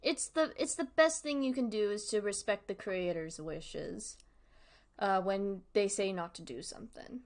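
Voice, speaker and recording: A woman with a medium-pitched voice and a slightly slow pace hosts a livestream discussion. She talks to her viewers in a chatty, emphatic way, repeating points to drive them home.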